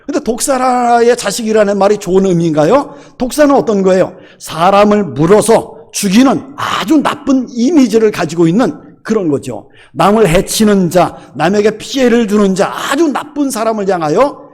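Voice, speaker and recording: A middle-aged male pastor delivers a sermon with a high, very lively voice. He keeps throwing rhetorical questions at his listeners, and his pitch swings widely from line to line. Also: normal speed, hardly any pauses. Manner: animated, rhetorical questions to the congregation. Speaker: senior pastor.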